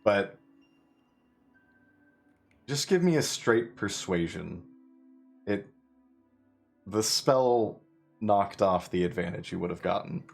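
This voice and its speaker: Male game master, very low gravelly voice, hesitant, laughs a lot. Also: lively intonation, slow pace, long pauses, faint music behind. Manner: hesitant, many fillers, laughs often. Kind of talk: narrating a tabletop game.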